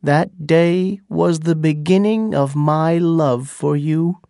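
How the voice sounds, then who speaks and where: Pocahontas, hurt young wife, as a narrator voices her, pitched up. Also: steady tone, slow, creaky, warm tone, dry recording, clean studio sound. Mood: angry, hurt. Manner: emotional, reproachful. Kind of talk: audiobook character dialogue.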